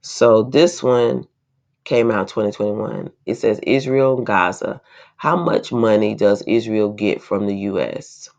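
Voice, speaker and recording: A woman's voice: extremely low pitch, steady tone, unhurried, darkish tone. A woman reading an article aloud and breaking off into indignant, emphatic commentary. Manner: indignant, emphatic asides between read passages. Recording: slightly dull, lo-fi recording.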